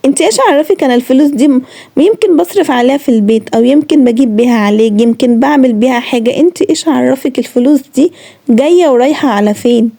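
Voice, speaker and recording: A woman's voice: high voice, quick pace, gravelly, warm tone. A young woman with an Egyptian accent, talking earnestly to her viewers and scolding them directly. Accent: Egyptian Arabic. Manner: earnest, reproachful, lecturing listeners directly. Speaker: vlogger. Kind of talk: heartfelt talk to camera.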